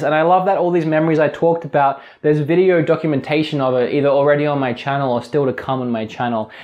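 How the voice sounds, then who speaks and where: A man's voice: mid-range voice, a little mellow. A young Australian man with an accent drifting toward American, talking earnestly and rambling in a casual vlog, often restarting his sentences. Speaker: YouTube host. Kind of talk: casual vlog talk to camera.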